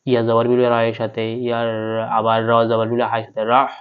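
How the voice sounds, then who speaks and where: A man with a Bangladeshi Bengali accent leads a slow spelling lesson, patiently sounding out each letter before joining them. His pitch stays strikingly level and his tone is smooth and clear. The recording sounds a little dull and lo-fi. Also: monotone. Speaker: Quran recitation teacher.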